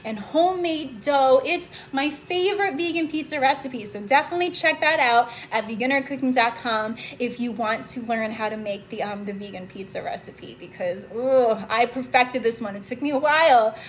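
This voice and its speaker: A woman's voice: a little high, normal speed, few pauses, slight background noise. A young woman hosting a live vegan cooking stream from her home kitchen, gushing and upbeat as she reads out viewer comments. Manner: bubbly, gushing, upbeat, addresses viewers as "guys" and "love".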